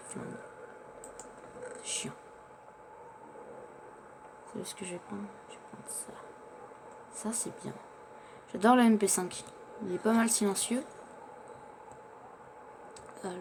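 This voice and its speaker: Over background noise, a man with a high-pitched, gravelly voice stays in character while playing a survival game, chatting and describing his moves and often stumbling as he speaks.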